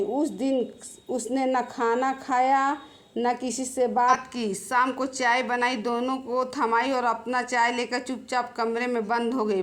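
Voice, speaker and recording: Female storyteller for an emotional family drama, expressive narration, a bit high-pitched.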